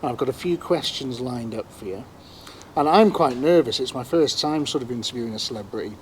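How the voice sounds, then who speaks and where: A man's voice: medium pitch, brisk, low-quality recording. Male podcast host, rambly, full of ums, outdoors, faint background hum. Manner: rambling, hesitant with many fillers. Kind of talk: casual chat. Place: workshop, outdoors in the sun. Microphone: clip-on mic.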